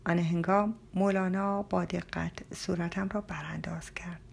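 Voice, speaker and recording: Husky whispery woman narrating an audiobook. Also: lowish voice, fairly even intonation. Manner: hushed, breathy, often near-whispered reading. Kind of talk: first-person audiobook narration.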